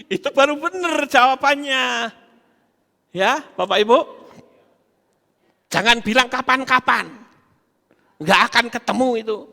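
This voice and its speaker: Bright-voiced man preaching in a reverberant hall. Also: very high-pitched, creaky. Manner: animated, laughs often, addresses congregation directly. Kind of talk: sermon with stories and audience questions.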